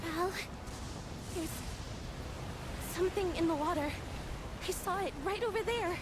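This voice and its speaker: A woman's voice: extremely high pitch, unhurried, very noisy. An actress voicing an alarmed young female companion in a video game, speaking in a startled way.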